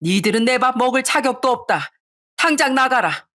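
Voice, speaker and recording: A woman's voice: high-pitched, expressive, moderate pace, pushed and bright, pitched above the performer's own voice, exaggerated voice. A woman reading an angry older mother who scolds her greedy son and daughter-in-law in a raised, indignant voice. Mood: anguished, furious.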